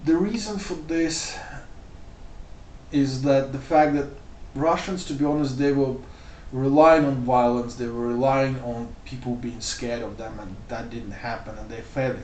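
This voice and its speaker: A man's voice: medium pitch, steady tone, unhurried, a little mellow, a little hiss or hum. A man talking through his views in a loose, rambling way, full of "like" and "you know". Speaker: vlogger. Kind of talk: casual spoken commentary. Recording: roomy sound, mic off at a distance.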